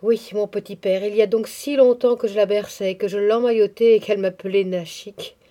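Voicing a grieving, pious old nursemaid, a woman speaks tenderly and confidingly in a mournful mood. Her mid-range, natural voice holds fairly even intonation at a normal speed.

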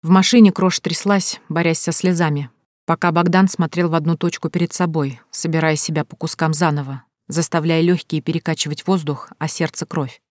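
A woman reading a novel aloud in a steady, even narrative style, recorded dry and close. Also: low voice, fairly quick, no room sound. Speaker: audiobook narrator.

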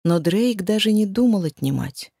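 A woman reading a first-person novel aloud, with an expressive, emotional delivery. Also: mid-range voice, normal speed, husky, dry recording, clean studio sound. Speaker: audiobook narrator. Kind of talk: first-person audiobook narration.

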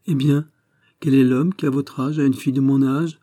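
A man voicing a naive, trusting fourteen-year-old girl who speaks with earnest candor, in his own husky voice. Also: mid-range voice, fairly even intonation, normal speed, mellow, voice pushed up, lightly acted. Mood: bright surprise. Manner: earnest, candid.

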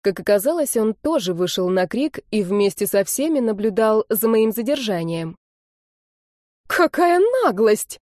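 A woman narrating a first-person audiobook in a lively, expressive storytelling manner. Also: mid-range voice, normal speed, few pauses, dry recording, clean studio sound.

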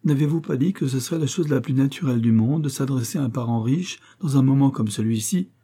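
Guy putting on a pushy begging matron, storybook reading, husky dark voice. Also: mid-range voice, fast. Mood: indignant. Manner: pleading, insistent, dramatic. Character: wheedling, pushy middle-aged matron.

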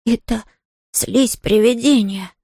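A woman voicing a frightened young boy who pleads and shouts in panic, in a storybook reading. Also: high voice, steady tone, moderate pace, creaky, dry recording, studio quality, pitched above the performer's own voice. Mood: scared. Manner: trembling, pleading, bursts into frantic shouts. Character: frightened young boy, jumpy and easily flustered.

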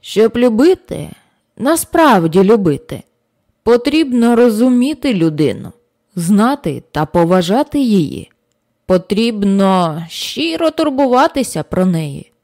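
A calm, wise old man explaining things patiently, read by a woman narrator. He speaks slowly and gently, with a lively, rising and falling voice. It plays as a storybook audiobook. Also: medium pitch. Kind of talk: audiobook character reading.

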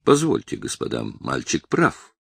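Male reader as composed gentleman, low, even, firm. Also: unhurried, gravelly, breathy edge, no echo, full character voice. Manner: calm, polite. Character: calm young gentleman, firm.

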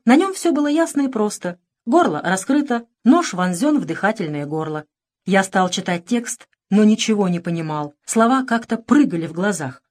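A woman reading a literary audiobook with measured, expressive narration. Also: medium pitch. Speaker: audiobook reader.

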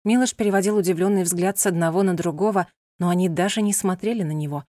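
A woman's voice: on the low side, fast talker, dark tone, no room sound. Woman narrating a novel, dry close sound. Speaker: audiobook narrator.

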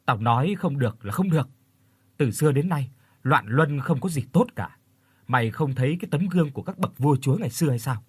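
A man voicing an older village mother who wails and scolds her daughter with a sharp tongue. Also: mid-range voice, lively intonation, a little fast, husky, dry recording. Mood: scolding.

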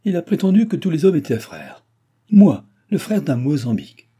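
A man voicing a grumbling old aristocratic baron who blusters and mocks, with loud outbursts, in an audiobook. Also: a little high, sing-song, normal speed, breathy edge, voice pushed up. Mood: blustering. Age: older. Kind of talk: audiobook character voice.

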